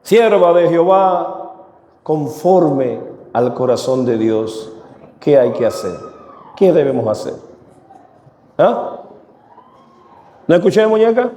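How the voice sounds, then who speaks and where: A man's voice: on the high side, big pitch swings, slow pace, pauses often, mellow. A man preaching a sermon to his congregation, asking them rhetorical questions. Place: church. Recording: echoey church hall.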